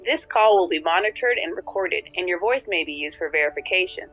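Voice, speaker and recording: A woman voicing an automated bank phone message in a formal, crisp manner. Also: on the low side, expressive, fairly quick, a bit bright, soft background music, poor audio.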